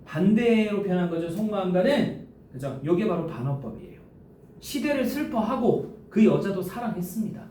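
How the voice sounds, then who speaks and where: Lively, high-pitched male teacher in an echoey classroom. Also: normal speed. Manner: lively, questioning students, casual speech. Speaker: high school Korean teacher. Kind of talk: classroom lecture. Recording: echoey classroom from a distance with faint noise.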